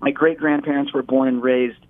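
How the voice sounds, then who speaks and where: This Detroit-area guest talks a little fast in a level, mid-range voice, rambling through a casual interview full of restarts and repeated words. The audio comes through a tinny phone connection.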